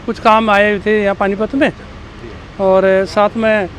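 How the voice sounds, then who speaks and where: Slow, halting man speaking outdoors. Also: sits high, little pitch movement, fairly bright tone, slight background noise. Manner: halting, many "uh" pauses. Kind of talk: street interview.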